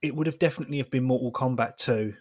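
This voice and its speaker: Man, casual podcast chat, mid pitch, dry recording. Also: racing, a little mellow, dry recording. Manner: chatty, laughs often. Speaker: podcast co-host.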